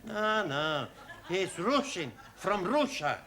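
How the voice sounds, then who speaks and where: An actor playing a cheery, conspiratorial language student with a Spanish accent and broken English in a sitcom. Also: male voice, high voice, very animated, takes it slowly, heavily acted. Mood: earnest. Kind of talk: sitcom acting. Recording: noisy 1970s television studio soundtrack.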